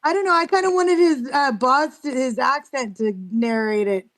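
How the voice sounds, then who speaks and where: A woman with a fairly high voice chats casually on a game stream and swears freely. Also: moderate pace, fairly bright tone.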